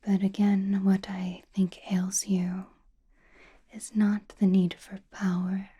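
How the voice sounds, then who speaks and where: A woman voicing a powerful, mysterious witch in a slow, breathy, intimate ASMR whisper, gently teasing and soothing. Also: mid-range voice, level tone. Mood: gentle, wise.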